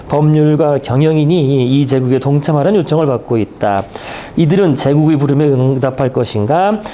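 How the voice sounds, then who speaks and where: Leading a reading group, a man with a fairly high pitch and dark tone reads aloud from a book and discusses it. He often checks in with his listeners through short tag questions.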